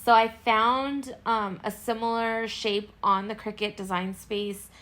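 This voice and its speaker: A woman's voice: fairly high pitch, fairly even intonation, unhurried, a bit bright. A woman giving a casual, chatty voice-over walkthrough as a craft tutorial host, explaining each step in a self-deprecating way.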